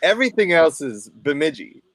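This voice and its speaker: A man's voice: a little high, moderate pace, no echo. A man from southern Minnesota with a Minnesota accent, telling stories animatedly in a casual podcast chat. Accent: Upper Midwest, Minnesota. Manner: animated storyteller, mimics voices, laughs often.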